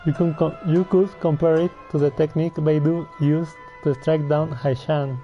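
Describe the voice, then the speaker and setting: This man keeps his slightly high voice fairly flat and speaks at a normal speed while he plays a video game. He's relaxed, offering casual commentary and reading dialogue aloud over faint game music, all through a muffled microphone.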